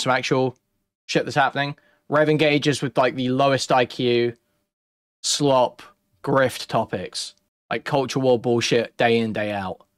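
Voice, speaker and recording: A man's voice: medium pitch, dry recording. A man giving casual, opinionated commentary in a blunt, mocking, sweary way. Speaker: streamer commentator.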